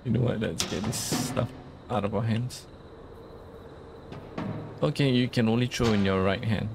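This gaming video host has a lowish, creaky voice with fairly even intonation at normal speed, set against a noisy background. He murmurs as he thinks aloud during his casual let's play commentary and reads out the instructions on screen.

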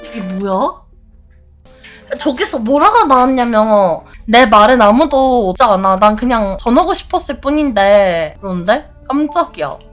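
This VTuber's voice sits a little high, with lively intonation and a measured pace, and soft music plays underneath. During her horror game let's play she reads the lines aloud, swearing and shrieking whenever something jumps out.

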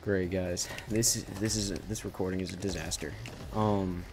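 A man giving casual commentary while he plays a game, rambling with halting starts and frequent self-corrections. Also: low-pitched, steady tone, background noise. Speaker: gaming channel host.

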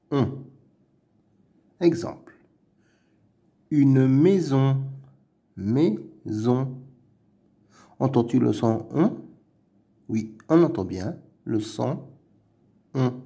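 A man slowly reading words aloud in a children's phonics lesson, repeating each word carefully. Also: medium pitch, warm tone, breathy edge. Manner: slow, deliberate, repeating each word syllable by syllable. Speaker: reading teacher.

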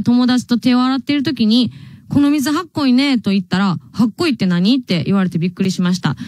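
A young woman with a Kansai accent hosts a radio show, chatting casually, reading listener mail and laughing often. Her voice sits on the high side with a darkish tone, captured on a studio microphone with no room sound.

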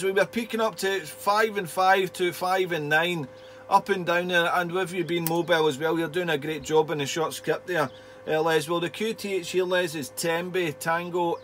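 A man with a slightly high voice chats as an amateur radio operator, friendly and talkative. His speech is full of call signs and radio jargon, over faint crackly radio hiss and hum. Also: fairly bright tone. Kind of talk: casual two-way radio contact chat. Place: indoor home radio shack.

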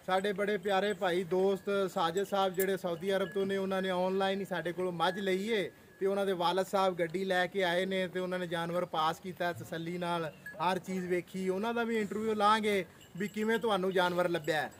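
A man with a Punjabi accent and a fairly high voice runs a live sale from an outdoor cattle yard, chatting along and dropping proverbs and pious phrases. There is no mic, so his voice comes through the camera's own audio with a faint hiss of outdoor noise behind. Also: level tone, fairly quick, few pauses. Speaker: host of an animal sales channel. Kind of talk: live on-site sales vlog. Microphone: no mic, camera audio only.

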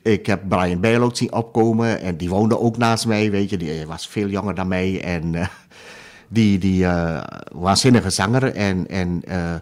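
A man in his sixties from Suriname, with a fairly low voice, speaking as a guest in a radio interview. He talks in a hesitant, searching way, full of fillers and restarts. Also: unhurried, darkish tone. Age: 60s. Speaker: guest musician. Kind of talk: interview conversation.

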